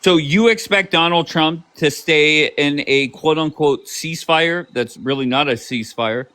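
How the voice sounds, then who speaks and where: A man's voice: a little high, measured pace, bright, forceful tone, no room sound. A man hosting a live stream, pushing back on guests with sarcastic challenges. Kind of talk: heated political debate.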